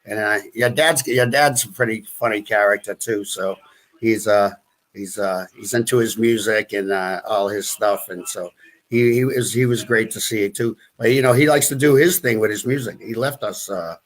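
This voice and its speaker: A middle-aged man with a New England accent, a guest talking casually in a live stream, full of restarts and fillers. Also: on the low side. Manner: halting, many restarts and fillers, chuckles.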